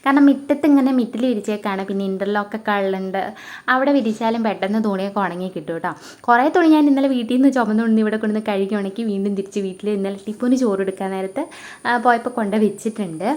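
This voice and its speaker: A young woman vlogger with a Kerala Malayalam accent talks quickly, her words tumbling out. She tells the story in an emotional, chatty way, scattering fillers and little asides to her viewers. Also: mid-range voice, darkish tone. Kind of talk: casual storytelling vlog.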